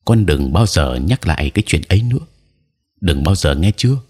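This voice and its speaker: Gruff stern dad, deep husky voice, narrator playing him. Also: male voice, lively intonation, brisk, dark tone. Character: stern middle-aged father, just out of prison.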